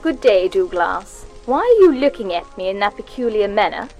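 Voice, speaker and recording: A woman playing a prim, sharp-tongued radio hostess from the 1940s, with crisp and disapproving delivery. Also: mid-range voice, very animated, normal speed, faint music behind, low-quality recording.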